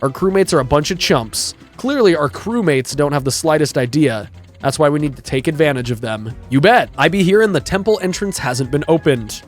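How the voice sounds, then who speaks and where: A man voicing surly, scheming male pirate crewmen in a video game, sneering in gruff pirate slang. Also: fairly high pitch, expressive, brisk, soft background music.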